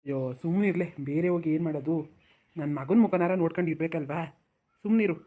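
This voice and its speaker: A woman's voice: fairly low pitch, fast, natural voice. A woman doing a weary old village father-in-law. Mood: soothing. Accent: rural Mysore-region Kannada. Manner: pleading, placating, keeps saying hush.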